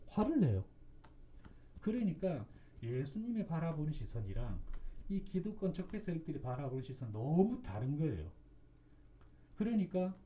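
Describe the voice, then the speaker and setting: A man's voice: fairly high pitch, warm tone. A man giving an impassioned preaching talk, emphatic and repetitive, full of rhetorical questions. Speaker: religious commentator.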